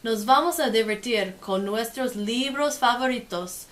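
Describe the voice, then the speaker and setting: At a moderate pace, a fairly high-pitched woman reads a picture book aloud in two languages. She brings expression to the story and shifts to a softer voice for her casual remarks.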